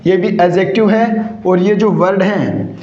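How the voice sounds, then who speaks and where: High-voiced male teacher, Hindi accent. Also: steady tone, measured pace, darkish tone. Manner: asks rhetorical questions then answers them; repeats each word several times. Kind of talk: classroom vocabulary lesson. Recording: echoey, dull lo-fi room recording.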